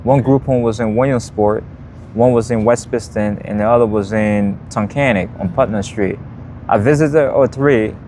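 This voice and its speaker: A man's voice: lowish voice, moderate pace, warm tone, a little hiss or hum. Liberian-accented man telling his story. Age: 30s. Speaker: interview guest. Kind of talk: personal life story in an interview.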